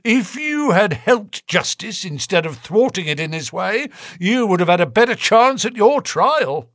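A man's voice: sits high, sing-song, a little slow, a bit bright, dry recording, clean studio sound, voice pushed up, heavily acted. A man reading aloud, voicing a stern, angry male police detective.

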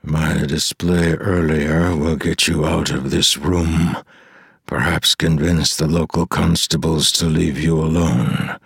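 A man voicing an ancient, weary male demigod who speaks slowly and gravely. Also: level tone, no echo, studio quality, exaggerated voice. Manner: slow, heavy, low delivery.

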